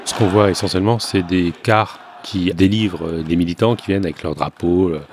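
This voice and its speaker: Deep-voiced man giving measured news analysis. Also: fairly even intonation, a faint crowd, a little hiss or hum. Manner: measured, with frequent hesitations. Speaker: political journalist.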